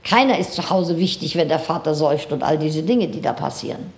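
A woman in her sixties giving a seminar lecture, retelling a story in a lively, animated way with asides to her audience. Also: sits low, brisk. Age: 60s. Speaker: seminar speaker. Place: seminar hall. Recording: roomy seminar hall.

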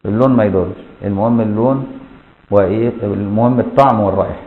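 A man's voice: lowish voice, quick pace. A man with an Egyptian Arabic accent teaching a colloquial classroom lesson, explaining step by step and often checking that listeners follow. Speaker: Islamic jurisprudence teacher. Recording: echoey, dull lo-fi room recording.

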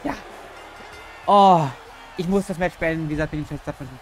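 A woman doing excitable gameplay commentary as a YouTuber, cheering on her wrestler and swearing bluntly. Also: low-pitched, rapid-fire, faint music behind, rough recording. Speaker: gaming YouTuber.

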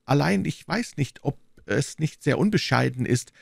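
A man voicing an anxious, fussy middle-aged landlord in an audiobook, in a high, strained, wordy and timid voice. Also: expressive, normal speed, creaky, dry recording, clean studio sound, full character voice. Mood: fretful. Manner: wordy, timid, eager to please. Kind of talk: audiobook reading.

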